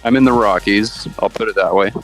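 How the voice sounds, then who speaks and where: A man on a casual voice call, talking in a dry, deadpan way. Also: lowish voice, a little fast, soft background music.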